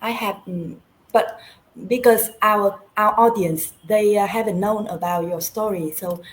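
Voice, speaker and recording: A woman's voice: mid-range voice, steady tone, a little slow, poor audio. A woman co-hosting an online interview over a video call, asking polite, hesitant questions. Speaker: co-host.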